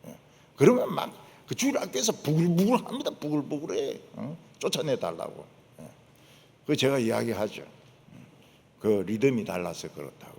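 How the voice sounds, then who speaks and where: An older man preaching, emphatic, repeating his points and dropping to low asides. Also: big pitch swings, normal speed, gravelly, a little mellow. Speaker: pastor. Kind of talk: sermon. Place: church sanctuary. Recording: long church hall reverb.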